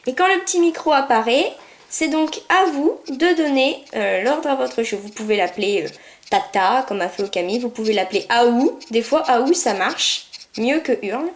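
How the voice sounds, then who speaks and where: A high-pitched woman chats through a pet game in a casual, excitable way. She coos at her puppy and calls out commands loudly. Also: normal speed. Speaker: gameplay video maker. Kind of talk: casual gameplay commentary.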